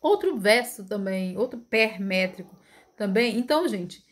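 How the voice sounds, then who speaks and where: A woman's voice: medium pitch, lively intonation, unhurried. A woman teaching literature in an informal online lecture, explaining step by step and often checking in with tag questions. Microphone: phone screen recording.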